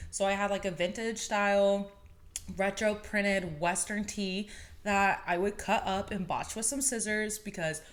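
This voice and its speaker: A woman in her twenties hosting her own podcast, telling stories in a chatty, animated way with bits of laughter. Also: mid-range voice. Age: 20s. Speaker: podcast host. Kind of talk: casual podcast monologue.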